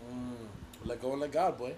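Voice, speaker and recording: A man's voice: medium pitch, steady tone, moderate pace, mellow, a little hiss or hum. A man co-hosting a faith podcast, talking earnestly and building emphatic repeated lists like a sermon. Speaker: podcast co-host.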